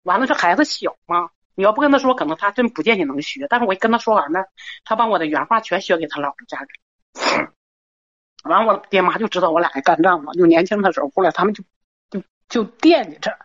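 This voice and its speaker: A woman's voice: medium pitch, no room sound, lo-fi sound. A middle-aged woman, calling in to an advice show and rambling nervously with many restarts. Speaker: caller. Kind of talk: call-in advice talk.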